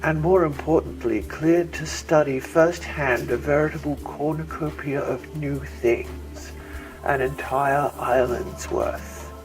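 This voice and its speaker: A man with a rather high voice reads his own science fiction novel aloud as scripted audiobook narration, speaking slowly with fairly even intonation. The recording is low quality, with a music bed playing behind him.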